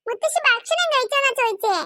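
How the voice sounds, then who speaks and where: A woman's voice: very high-pitched, lively intonation, fast talker, pushed and bright, dry recording, clean studio sound, full character voice. A woman doing a pleading little cartoon girl. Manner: pleading, childlike. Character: sweet little girl, polite and anxious. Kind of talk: cartoon voice acting.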